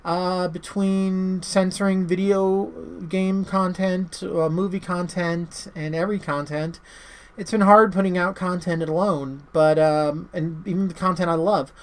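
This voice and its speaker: The man's voice is high, with fairly flat intonation and a slightly slow delivery. As host of a horror movie review channel, he gives a relaxed, unscripted review full of rambling, stammers, and self-interruptions.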